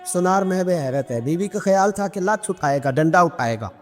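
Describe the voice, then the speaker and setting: Fervent high-voiced male preacher, echoing hall. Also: lively intonation. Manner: fervent storytelling, pitch climbing as emotion builds; quick Arabic Quran recitation. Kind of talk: impassioned Islamic sermon. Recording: long hall reverb with background music.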